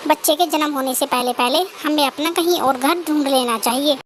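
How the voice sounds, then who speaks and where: A woman's voice: sits high, brisk, slight background noise, lightly acted. A woman playing a worried young pregnant wife. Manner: worried, pleading. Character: poor young pregnant wife, anxious and sensible. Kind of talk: cartoon voice acting.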